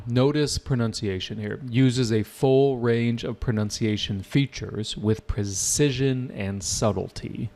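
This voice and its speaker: A man's voice: mid-range voice, gravelly, darkish tone. A man teaching an IELTS class live online, casual and often checking with his students. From United States. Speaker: IELTS tutor.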